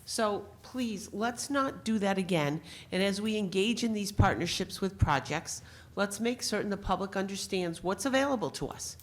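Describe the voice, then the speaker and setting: A woman's voice: mid-range voice, animated, normal speed. A woman giving an insistent, pointed public comment at a city board meeting. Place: city council meeting room.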